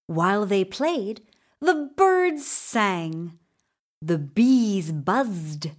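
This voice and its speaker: Reading a tale for children, a woman takes her time, leaning on important words to build drama while her voice rises and falls with animation. It's a careful, expressive storytelling performance.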